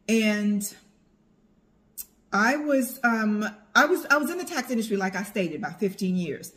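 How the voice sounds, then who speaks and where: Slow-paced middle-aged woman vlogger. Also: mid-range voice. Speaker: vlogger, tax preparer. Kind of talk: casual chatty vlog to followers.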